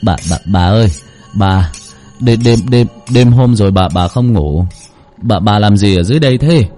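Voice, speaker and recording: A man's voice: fairly low pitch, moderate pace, warm tone, faint music behind, lightly acted. A man voicing a terrified young male servant who stammers and repeats words.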